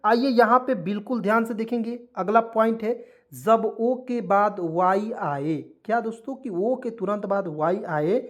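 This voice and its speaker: A man's voice: high voice, unhurried. A man teaching English pronunciation in a video lesson, spelling words out letter by letter, asking questions and answering them himself, and calling his viewers friends. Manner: calls viewers friends, tags lines with okay. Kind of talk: spoken tutorial lesson.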